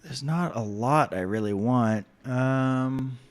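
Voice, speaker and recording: A man giving casual, relaxed commentary while he plays a video game, thinking aloud with many pauses and ums. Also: medium pitch. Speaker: gameplay commentator.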